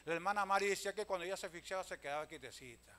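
A man, a pastor telling stories in a sermon, swinging from loud calls to hushed asides and often addressing listeners as brother. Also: high voice, racing. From Venezuela. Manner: storytelling preacher, swings from loud calls to hushed asides, keeps saying "hermano".

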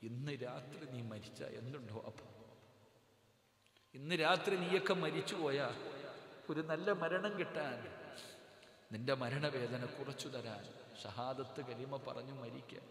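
A man preaching an emotional sermon, pleading with his listeners through rhetorical questions. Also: mid-range voice. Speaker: Islamic preacher. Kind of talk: impassioned sermon. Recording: echoey hall with long reverb.

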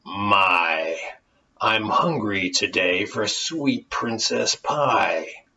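A man voicing a gruff, hungry male beast in a storybook reading, growling and greedy. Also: lowish voice, very slow, sharp tone, far from the mic, pitched below the performer's own voice, heavily acted. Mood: menacing. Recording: dull lo-fi with faint noise.

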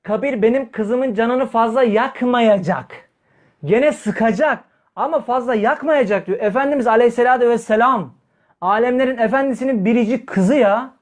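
A man's voice: extremely high pitch, normal speed. A man preaching to a congregation, blunt and heated, acting out the people in his stories. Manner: heated, blunt, acts out quoted dialogue. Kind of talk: sermon.

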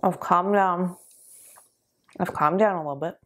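A woman hosting a reaction vlog, tearful and upset, speaking haltingly and trailing off between heavy sighs. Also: fairly low pitch, a little hiss or hum. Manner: halting, sighing, trailing off mid-sentence. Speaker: reaction video host.

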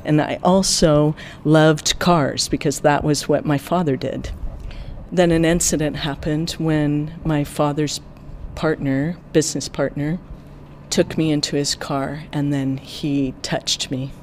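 An interpreter giving a translation voice-over in the first person, in a measured, steady way that often drops quieter. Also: mid-range voice, a little hiss or hum.

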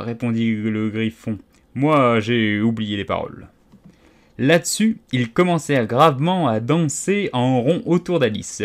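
A man narrating a storybook audiobook in a calm, measured, deliberate reading. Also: medium pitch.

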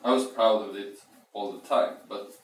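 A man's voice: lowish voice, steady tone, normal speed. A young man chatting casually while baking bread in his home kitchen, rambling and playful, thinking aloud and humming as he works. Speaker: home cooking vlogger. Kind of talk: casual cooking chat. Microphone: camera across the room. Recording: echoey room, voice from far off.

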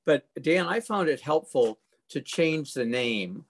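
A man's voice: a little high, lively intonation, slow. A man co-hosting an interview, talking thoughtfully with many casual fillers. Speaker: co-host. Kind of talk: conversational interview.

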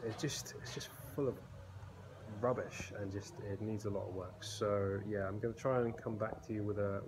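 In this casual phone video, a thirtysomething blacksmith vlogger tours his indoor workshop, its walls bare concrete, camera held at arm's length. His mid-range voice is relaxed and rambling, full of fillers and restarts, against noisy workshop sound.

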